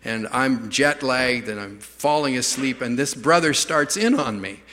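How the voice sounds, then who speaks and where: A man's voice: medium pitch, lively intonation, a little slow, pushed and bright. A middle-aged man preaching a storytelling sermon, rambling through anecdotes with stammering restarts and self-deprecating humor. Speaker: pastor. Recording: reverberant church hall.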